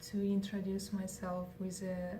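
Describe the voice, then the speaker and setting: Far from the microphone amid faint noise, a young Kazakhstani woman, Kazakh being her first language, replies to interview questions in English with frequent fillers and restarts. Her mid-range voice is monotone, unhurried, and mellow.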